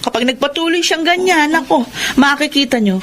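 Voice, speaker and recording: An actress playing a stern, exasperated aunt in a radio drama, nagging and scolding. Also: female voice, high voice, brisk, fairly bright tone. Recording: slightly noisy radio drama track.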